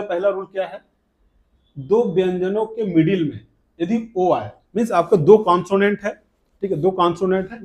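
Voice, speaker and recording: Man, Hindi accent, high voice, classroom lesson, rhetorical question-and-answer teaching. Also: warm tone. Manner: asks rhetorical questions and answers them himself. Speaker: English teacher.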